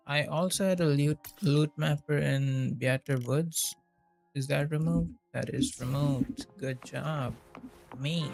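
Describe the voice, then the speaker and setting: Game music runs under this man's casual live commentary as he streams a game, muttering to himself and cursing freely. He has a somewhat high voice with vocal fry.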